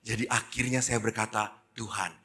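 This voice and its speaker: Animated, bright-voiced preaching priest. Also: male voice, medium pitch, a little slow, breathy edge. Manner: animated storytelling, sudden drops to hushed whispers. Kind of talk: sermon.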